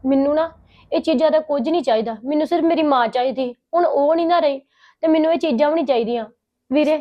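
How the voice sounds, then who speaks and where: Actress as a high-voiced, tearful daughter in mourning; family drama; slightly muffled audio. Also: female voice, quick pace, natural voice. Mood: hurt. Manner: tearful and pleading. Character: grieving married daughter who has lost her mother. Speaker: lead character Simrat. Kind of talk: Punjabi family drama acting. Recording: slightly dull recording.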